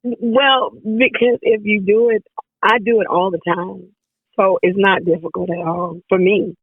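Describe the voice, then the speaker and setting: A woman singer with a hoarse, raspy voice, chatting casually as an interview guest and laughing often. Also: mid-range voice, fairly even intonation, measured pace, dry recording. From Jackson, Tennessee area, US South. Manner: laughs often, repeats herself. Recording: dry phone-like line.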